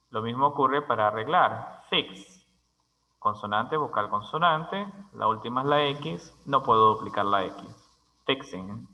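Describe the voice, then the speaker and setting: Male language teacher, unhurried and methodical, crisp tone, long room reverb. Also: medium pitch, dull audio. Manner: slow, deliberate, spells words letter by letter. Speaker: English teacher. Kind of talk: grammar lesson.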